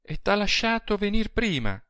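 Un uomo che fa una giovane donna spaventata. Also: male voice, a little high, very animated, takes it slowly, bright, forceful tone, no echo, studio quality, voice pushed up, full character voice. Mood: anxious. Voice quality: pleading, anxious. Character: small frail frightened young woman. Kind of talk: audiobook reading.

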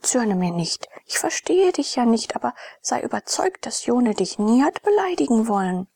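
A woman voicing a gentle, warm-hearted young woman in an audiobook, speaking in a tender, pleading manner. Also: on the high side, sing-song, moderate pace, creaky, breathy edge, dry recording, clean studio sound, pitched above the performer's own voice, heavily acted.

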